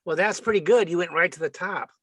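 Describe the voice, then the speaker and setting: A man's voice: high voice, quick pace, fairly bright tone. A man hosting a video podcast interview, asking questions and adding brief encouraging remarks. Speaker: podcast host. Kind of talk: interviewing a guest. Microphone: video call.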